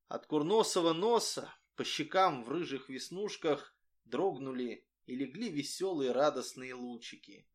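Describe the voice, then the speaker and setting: A man narrating a children's story as an audiobook, reading in a lively, expressive way. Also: medium pitch.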